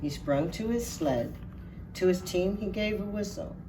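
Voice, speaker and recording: A woman playing Mrs. Claus, Santa's wife, reading a storybook aloud to children in an unhurried, expressive way. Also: mid-range voice, background noise, natural voice. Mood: merry, gentle. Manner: unhurried, expressive, addressing listeners directly. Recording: distant mic under clear music. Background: music.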